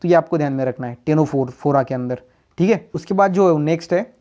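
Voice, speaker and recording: A man's voice: fairly high pitch, dark tone. A man teaching biology in a lecture, asking questions and answering them himself, and switching between Hindi and English terms. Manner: reads English notes slowly, then explains quickly. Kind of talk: classroom lecture. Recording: dull lo-fi recording.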